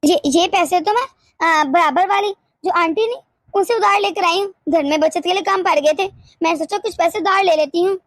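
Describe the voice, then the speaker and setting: A woman's voice: very high voice, moderate pace, dry recording, studio quality. A woman voicing a sly young wife in a cartoon who stammers out excuses. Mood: evasive. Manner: evasive, stammering.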